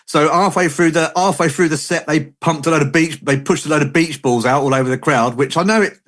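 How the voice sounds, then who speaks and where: A man's voice: fairly high pitch, brisk, fairly bright tone. A man, hosting a podcast and telling rambling, chatty anecdotes in casual conversation. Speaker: podcast host. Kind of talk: casual chat.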